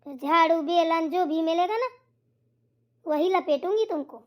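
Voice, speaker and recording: A woman voicing a stern older mother-in-law in a cartoon, scolding and lecturing slowly. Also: very high voice, a little mellow.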